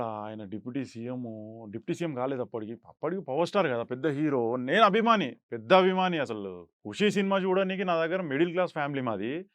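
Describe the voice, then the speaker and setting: A young actor tells stories from a film set and breaks into loud, acted-out quotes. His voice sits somewhat high, and the sound is dry and close. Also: no echo, dull audio. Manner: acts out quoted lines in raised voice. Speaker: actor guest. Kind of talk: animated storytelling interview.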